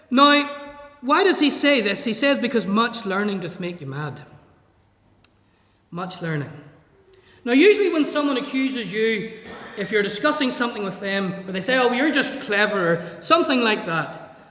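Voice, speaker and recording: A man's voice: high voice, fairly bright tone. A man preaching a sermon in a church, reading scripture verses aloud and explaining them. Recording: echoey church hall.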